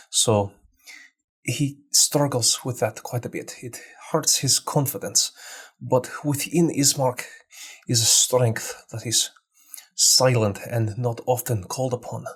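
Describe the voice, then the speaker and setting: A man who hosts a game master channel, calmly explaining how he portrays characters in his tabletop campaign. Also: mid-range voice, breathy edge.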